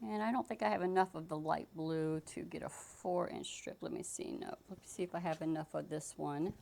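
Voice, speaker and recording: A woman's voice: deep voice, fairly even intonation, a little fast, creaky, darkish tone. A woman giving a casual sewing tutorial, chatting through each step as she works with fabric. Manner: chatty, talks while working, frequent restarts. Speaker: sewing instructor. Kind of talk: casual how-to demonstration.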